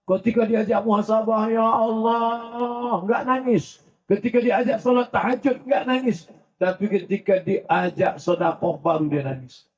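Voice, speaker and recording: A man's voice: high-pitched, highs cut off. A man preaching a sermon to a large gathering, mixing jokey stories with recited Arabic verses and rising, emphatic appeals. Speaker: Islamic preacher.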